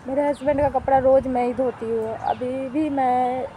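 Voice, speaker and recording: A woman's voice: high voice, fairly even intonation, normal speed, mellow, slight background noise, low-quality recording. A middle-aged woman talking to her viewers in a home vlog, plaintive and complaining, often going back over the same points. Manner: plaintive, complaining, repeats herself. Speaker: vlogger. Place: at home by a wood stove, outdoors.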